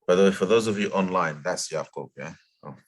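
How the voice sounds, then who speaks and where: Lowish-voiced man teaching Quran recitation. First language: Bengali. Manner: patient, corrective, models slow drawn-out recitation. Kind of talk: live recitation class, correcting students.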